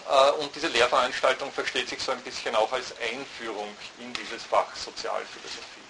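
A man's voice: medium pitch, little pitch movement. Hesitant male lecturer in noisy hall. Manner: thoughtful, halting, with many restarts. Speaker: university lecturer. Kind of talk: university lecture.

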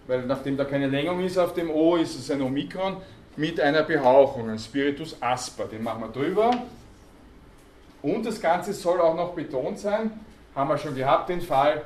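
A man giving a university lecture, explaining terms and quizzing students, with many hesitation sounds. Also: a little high. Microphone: student recording from the audience. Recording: echoey hall, faint background noise.

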